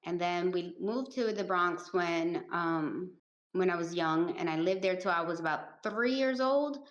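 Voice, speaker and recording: A Puerto Rican woman in her forties, raised in the Northeastern US, is a life coach answering interview questions as a guest in a laid-back, straightforward manner. Her voice is on the low side and a little slow. The recording is reverberant and muffled.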